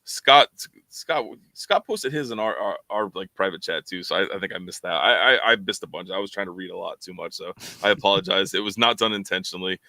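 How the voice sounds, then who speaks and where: A man's voice: sits low, a little fast, hardly any pauses, sharp tone, no echo. A man co-hosting a fan podcast, chatting casually and rambling with lots of fillers and repeated words. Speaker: podcast co-host.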